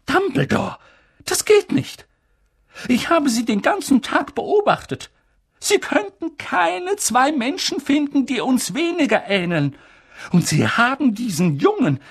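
A reader voicing a stern older female professor, speaking high, strained and urgent in an audiobook. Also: very animated, unhurried, breathy edge, exaggerated voice. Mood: indignant. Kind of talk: audiobook character reading.

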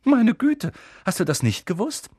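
A man voicing a bossy, fast-talking eleven-year-old schoolgirl in an audiobook, commanding and rattling off words breathlessly. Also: high voice, very animated, a little mellow, slightly rough, no echo, studio quality, pitched above the performer's own voice, exaggerated voice. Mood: lecturing. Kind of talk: audiobook character voice.

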